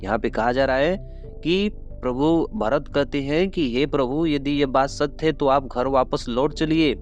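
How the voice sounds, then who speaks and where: A man teaching a class, explaining a poem line by line and going over each phrase again in simple words. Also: medium pitch. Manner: explains slowly, repeating phrases with yaani and matlab. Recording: dull lo-fi sound with soft background music.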